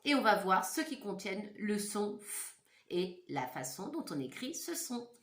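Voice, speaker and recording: A woman teaching young children a phonics lesson, speaking slowly and clearly and sounding out words syllable by syllable. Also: mid-range voice, very animated, fairly bright tone, far from the mic. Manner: slow, clearly articulated, repeats words syllable by syllable; talks directly to children, asking questions. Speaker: primary school teacher. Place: classroom or home room with a whiteboard. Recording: echoey room, voice from afar.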